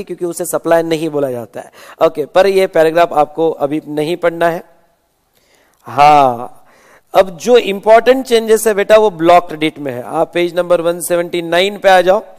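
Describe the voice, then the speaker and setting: A man's voice: high voice, a little mellow, long reverb tail. A man giving an exam revision lecture, calling students "beta" and repeating points with frequent "okay". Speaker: teacher.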